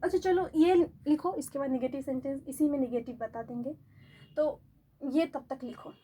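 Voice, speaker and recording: Woman teacher with a high voice, patient and repetitive, talking students through grammar at a board. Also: mellow. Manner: explains slowly, repeats examples, asks checking questions. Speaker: English teacher. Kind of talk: classroom grammar lesson.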